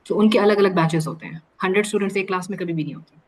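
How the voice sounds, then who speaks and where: A woman teacher leads an online class over a video call at a middle pitch. She explains things patiently and switches between Urdu and English within a sentence. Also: racing, poor audio. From Pakistan.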